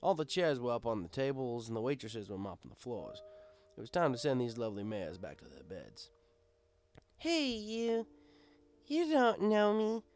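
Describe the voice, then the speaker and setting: An audiobook reader with a fairly low, slightly mellow voice reads a first-person story aloud, speaking fairly quickly and expressively. His manner is easygoing and conversational, like a bartender telling his tale, with music in the background.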